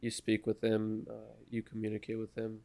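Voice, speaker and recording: A man's voice: fairly low pitch, completely flat delivery, normal speed, dark tone. A young man co-hosting a casual podcast, laid-back and a little hesitant, often trailing off with fillers and laughing easily. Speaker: podcast co-host. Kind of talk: casual chat.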